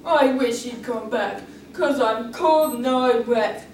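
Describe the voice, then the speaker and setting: A woman plays a gentle, faithful elephant who means every word he says. The voice is high and unhurried, earnest in its promises. It sounds recorded from a distance in a reverberant room with a faint hiss. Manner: earnest, slow, deliberate. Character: kind faithful male elephant, steady and earnest. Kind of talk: duo interpretation performance. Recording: echoey room, mic far off, faint noise.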